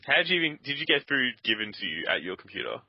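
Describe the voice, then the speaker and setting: A man's voice: medium pitch, very animated, quick pace, slight background noise. A man rambling and grumbling sarcastically to his co-host while they play a game at his computer. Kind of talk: casual gaming chat. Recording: dull lo-fi dry sound.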